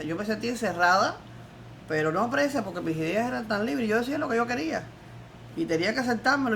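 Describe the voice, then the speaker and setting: A woman's voice: fairly low pitch, gravelly, a bit bright, slight background noise. An older woman with a Cuban accent giving an emphatic, defiant testimony in an interview. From Cuba. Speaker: interviewee, former political prisoner.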